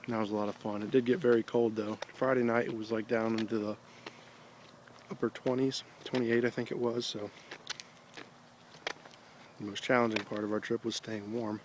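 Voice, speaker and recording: Male, American, low and flat delivery, pipe in mouth, casual halting monologue, some outdoor background noise. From Ohio, United States. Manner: halting, reflective, unhurried; talks with a pipe in his mouth. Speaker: video blogger. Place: outdoors on an evening stroll. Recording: noticeable background noise, ambience.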